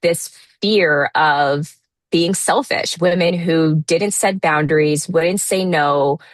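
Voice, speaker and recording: A woman in her thirties with a low voice talks through her answers as an interview guest. She is reflective and often restarts her sentences with fillers. The sound is dry and close. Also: takes it slowly, no room sound. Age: 30s. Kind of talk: casual interview talk.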